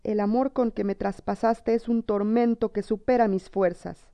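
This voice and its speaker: A woman's voice: medium pitch, steady tone, moderate pace, warm tone, no echo, natural voice. A woman voicing a cruel sorceress queen who whips her husband and wails for her lover in a storybook tale. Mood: imploring. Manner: imploring, theatrical.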